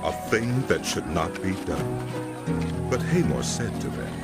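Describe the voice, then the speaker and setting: Over clearly audible music, a man with a very low voice tells scripture in a solemn, measured, expressive way, his intonation ranging widely.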